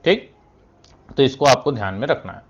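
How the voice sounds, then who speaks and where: A man's voice: medium pitch, expressive, normal speed, lo-fi sound. A male Hindi teacher explaining step by step in a classroom lesson, asking questions and answering them himself, with frequent "thik hai" fillers. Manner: keeps adding "thik hai" between phrases; clears his throat now and then.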